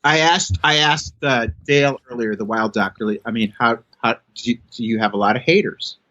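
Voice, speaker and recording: A man's voice: medium pitch, steady tone, a little fast, pushed and bright, dry recording. A man in his fifties, a chiropractor guest on a podcast, talking emphatically and preachily in casual chat. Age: 50s. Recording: dull lo-fi sound.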